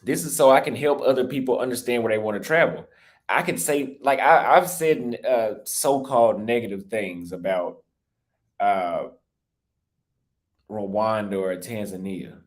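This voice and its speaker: A young American travel YouTuber talks off the cuff on a livestream about his travels while reading super chats. His slightly low voice is a little slow, cracked and worn, and he rambles, restarts sentences and turns defensive.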